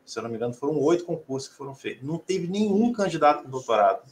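A Brazilian man, a faculty council member, arguing his position fast in a formal meeting, with many restarts. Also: fairly high pitch, big pitch swings, a little mellow, slight background noise. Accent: Brazilian Portuguese.

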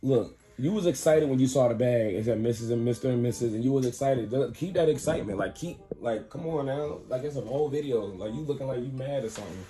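Soft music plays behind a prank vlog in which a boyfriend who runs the channel playfully teases his girlfriend indoors at home. He uses insistent slang, talking fast with few pauses in a mellow, mid-range voice.

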